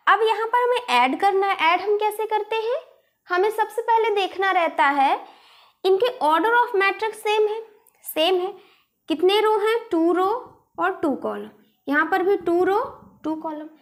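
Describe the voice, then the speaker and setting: A woman's voice: very high-pitched, fairly bright tone. A woman teaching a maths lesson online in a patient manner, explaining each step and asking rhetorical questions as she goes.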